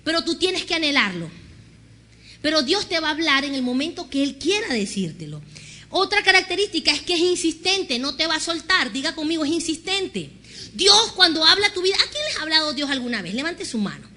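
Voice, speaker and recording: A woman pastor preaching an animated sermon, acting out conversations and having the congregation repeat after her. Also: high-pitched, a little fast. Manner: animated storytelling, acts out dialogue with God.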